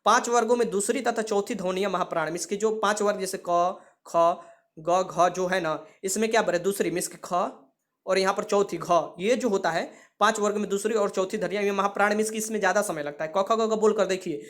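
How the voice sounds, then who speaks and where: A man's voice: high voice, fast talker, fairly bright tone. A man teaching an exam revision lesson, explaining patiently and saying sounds aloud for students to repeat.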